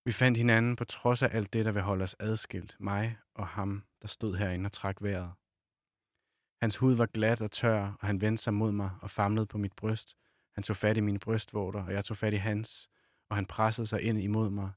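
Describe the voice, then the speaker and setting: Guy with a lowish voice reading his own book out slow, then just chatting, dry close sound. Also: level tone, dry recording. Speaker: author reading from his novel, then interview guest. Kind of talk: literary reading, then casual conversation. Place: in Copenhagen.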